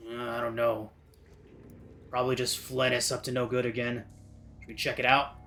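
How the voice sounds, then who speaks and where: A man's voice: mid-range voice, completely flat delivery, normal speed, pushed and bright, slight background noise. Man putting on a shifty, dismissive underling guard.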